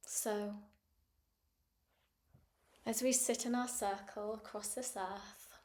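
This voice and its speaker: A woman leading a guided meditation in a soft, gentle voice that often drops into a whisper. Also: medium pitch, steady tone, slow.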